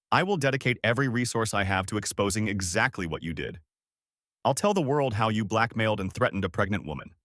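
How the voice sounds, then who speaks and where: A man's voice: on the low side, fairly bright tone, dry recording, studio quality. A man playing a furious billionaire son. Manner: cold, commanding, angry. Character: wronged wealthy man, furious at his mother.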